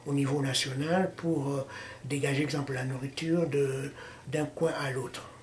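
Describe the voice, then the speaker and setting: A man from the Democratic Republic of the Congo with a Congolese French accent, answering interview questions haltingly, with many fillers and restarts. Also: medium pitch, steady tone. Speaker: interviewee, political party founder. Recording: echoey room with faint noise.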